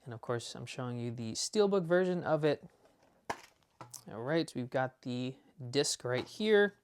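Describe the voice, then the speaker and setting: A man's voice: mid-range voice, lively intonation, clear, resonant tone. A man casually showing off his movie disc collection, rambling enthusiastically with lots of fillers and restarts. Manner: talks fast at times. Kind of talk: casual unboxing chat.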